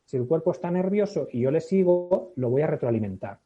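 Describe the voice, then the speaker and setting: A man with a Spain Spanish accent, a public speaking expert explaining as a podcast guest. He talks in an animated way, acts out little scenes and keeps checking in with "¿no?". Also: on the high side, brisk, slightly rough. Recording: thin phone-like audio.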